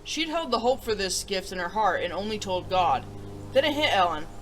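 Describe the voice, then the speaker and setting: A woman with a medium-pitched, fairly bright voice speaks animatedly at a moderate pace over soft background music, and the recording is rough. She hosts a children's story-time show, reading picture books aloud and reviewing them with enthusiastic, theatrical flair.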